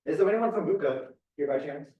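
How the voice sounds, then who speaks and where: A man's voice: on the high side, animated, quick pace, narrow, tinny audio, slight background noise. A man reading a play aloud, playing a matter-of-fact, businesslike dog trader. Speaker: actor in a staged reading, playing a dog trader with Canadian citizenship. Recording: echoey room, distant mic.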